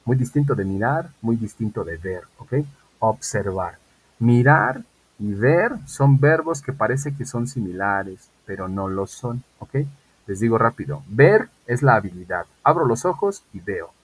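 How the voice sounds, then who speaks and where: Husky-voiced man teaching online. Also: on the low side, lively intonation, poor audio. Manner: patient, repeats model sentences slowly with emphasis; often checks in with "¿ok?". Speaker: English teacher. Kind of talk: online class instruction. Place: online video class.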